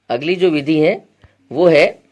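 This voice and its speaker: Higher-pitched man teaching an exam-prep lecture. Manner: explains step by step, quizzes students with repeated questions; clears throat often.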